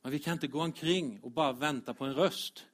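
A man preaching a lively, direct sermon as pastor to his congregation. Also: fairly high pitch. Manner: animated, direct, addresses congregation, chuckles.

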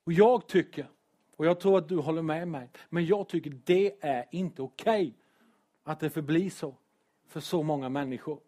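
Earnest pastor preaching in church. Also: male voice, a little high. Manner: earnest, emotional, sometimes loud with self-deprecating humor. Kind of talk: sermon.

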